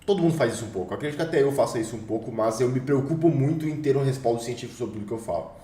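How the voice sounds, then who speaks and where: A man's voice: mid-range voice, racing, warm tone. A young Brazilian man with a Brazilian Portuguese accent giving a casual motivational lesson in an emphatic, slangy way that sometimes swears. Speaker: online course instructor. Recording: roomy echo, a bit far from the mic.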